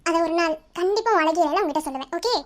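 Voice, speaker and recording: A woman's voice: very high-pitched, lively intonation, racing. A woman voicing an anxious, secretive young college girl in a Tamil cartoon love story, teasing her friend one moment and pleading the next. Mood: subdued. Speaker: lead character in an animated love story.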